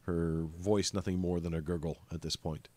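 A man with a very deep, low voice runs a tabletop game as its narrator. He describes each scene in a halting way, stopping often on "uh" and "um" while he searches for the next detail. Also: fairly even intonation, dark tone, no echo. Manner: hesitant, many ums and uhs while describing scenes. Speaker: game master.

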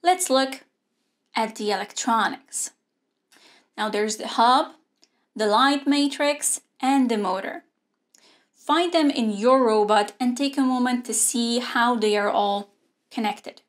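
A young woman teaches an online robotics lesson from a studio. She speaks slowly and clearly, at a slightly high pitch, and explains each part step by step. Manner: clear, measured explaining with hand gestures. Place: indoor studio with a grey backdrop.

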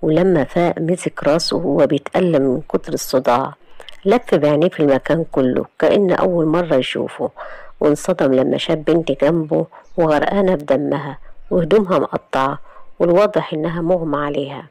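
A woman's voice: sits low, fairly quick, a little mellow, no room sound, poor audio. A woman with an Egyptian accent narrating a dramatic story in an earnest tone. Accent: Egyptian Arabic.

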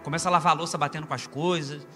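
A man's voice: a little high, very fast. A man preaching a humorous storytelling sermon as a pastor with a Brazilian Portuguese accent, in a church hall. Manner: animated storyteller, rising to loud preaching. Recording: reverberant church hall with music.

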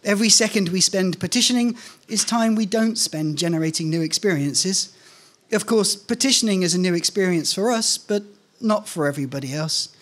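On an indoor stage at a live reading event, a middle-aged man reads his scripted first-person story into a nearby stand microphone. His voice is high, brisk and fairly bright.

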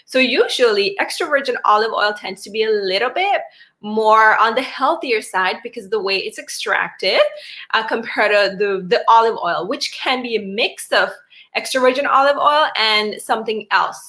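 Woman from Sri Lanka, health presenter, bright, slightly high voice, chatty with fillers, video-call audio. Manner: chatty, many fillers and restarts. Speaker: wellness doctor presenting a webinar.

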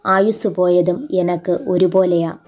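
A woman's voice: lowish voice, steady tone, measured pace, a little mellow, soft background music, lightly acted. A woman voicing a headstrong young hunter. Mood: defiant. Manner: defiant, calling out.

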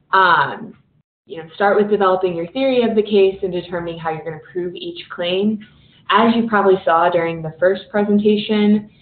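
A woman presenting a legal training session as an attorney, explaining steps with frequent fillers and hurrying near the end. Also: on the low side. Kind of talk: recorded training webinar presentation. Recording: phone-line audio, echoey room.

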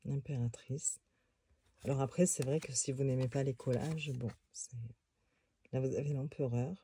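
A woman's voice: a bass voice, fairly even intonation, normal speed, warm tone, slight background noise. A woman casually reviewing a tarot deck on video, talking in a hesitant way with many fillers and restarts.

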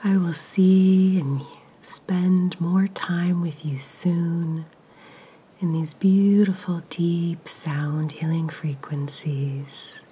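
Slow breathy whispering woman. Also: on the low side, fairly even intonation. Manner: soft, slow, soothing pauses. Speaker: meditation guide. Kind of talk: whispered guided meditation.

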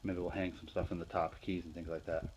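Talking to a phone he holds in his home garage, this Northeastern Pennsylvania man casually walks viewers through his woodworking projects. His low, slightly mellow voice barely moves in pitch, and the rough recording carries some hiss or hum. The vlog has a plain, unhurried delivery full of fillers and restarts.

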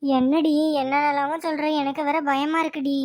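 A woman's voice: high-pitched, little pitch movement, normal speed, background noise, natural voice. A woman voicing a timid middle-aged mother in a cartoon, nervous and stammering. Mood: fearful. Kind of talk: cartoon voice acting.

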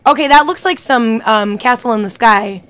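A woman streaming a game live, talking through every move in a voice set a touch high. She is chatty and quick to get excited, reacting out loud and musing to herself as she plays. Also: smooth. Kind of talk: live gameplay commentary.

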